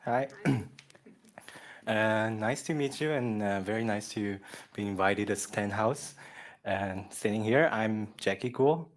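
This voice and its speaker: A man's voice: fairly low pitch, slow. A man in his thirties from Taiwan, a visual artist speaking casually on a panel, hesitant with many fillers and restarts. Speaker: visual artist, collective member.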